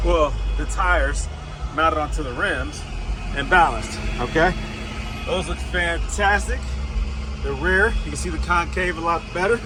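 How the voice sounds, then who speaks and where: A man narrating a casual workshop vlog, relaxed and enthusiastic, often repeating his praise with exclamations. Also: on the high side. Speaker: auto shop owner. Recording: noisy background.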